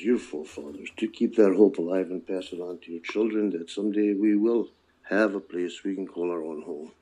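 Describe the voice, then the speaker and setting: In a low-quality recording, an older man speaks in a low, warm voice during an oral history interview about his life. Palestinian-born and raised in the US from childhood, he is earnest and reflective, phrasing things carefully and repeating himself for emphasis.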